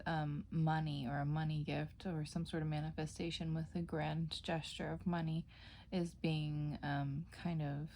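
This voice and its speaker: A woman's voice: low-pitched, dark tone, slight background noise. A woman giving a casual tarot reading, chatty, with frequent fillers and self-corrections. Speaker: tarot reader.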